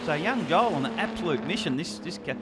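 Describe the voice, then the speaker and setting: A man's voice: a little high, lively intonation, brisk. An Australian man giving informal live motorsport commentary in a chatty, enthusiastic, colloquial way. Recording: loud engine and trackside noise. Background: racing car noise.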